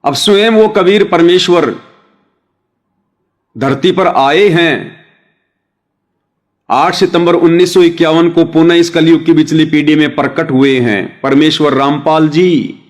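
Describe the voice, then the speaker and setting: A man's voice: a little high, steady tone, measured pace, pauses often. A man giving a devotional sermon, explaining with everyday examples and addressing his listeners as brothers and sisters. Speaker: devotional speaker.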